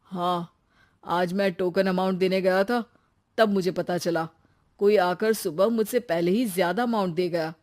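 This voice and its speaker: A woman's voice: fairly low pitch, unhurried, natural voice. A woman voicing an eager young shopkeeper. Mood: dejected. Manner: excited, teasing. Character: young married man, eager shopkeeper son. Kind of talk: animated storybook voice acting.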